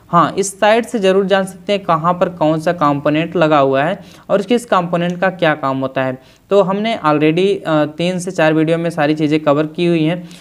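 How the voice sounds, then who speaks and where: Man explaining a circuit board repair. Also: sits high. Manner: explains step by step, with fillers and repeated phrases. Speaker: electronics repair instructor. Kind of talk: tutorial explanation.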